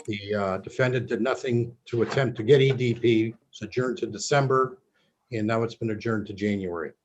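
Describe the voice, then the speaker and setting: A man's voice: fairly low pitch, a little fast. A man speaking as an attorney over a video call in a virtual court hearing, firm and matter-of-fact. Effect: heard over a video call. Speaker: attorney for the plaintiff. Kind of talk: formal legal argument in a virtual court hearing. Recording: dull lo-fi video call audio with faint noise.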